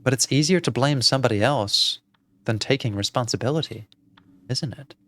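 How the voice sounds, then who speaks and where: A man voicing a sinister, soft-spoken aunt in a video game, speaking low and hushed like a lullaby. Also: moderate pace, close to an everyday voice.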